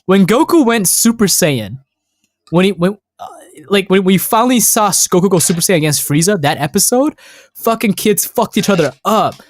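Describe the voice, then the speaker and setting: A man co-hosting a podcast, telling childhood stories in a loud, excitable way and swearing constantly. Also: high-pitched, normal speed, dry recording, studio quality. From North America. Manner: excitable storytelling, heavy swearing. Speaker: podcast co-host. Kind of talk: casual podcast chat.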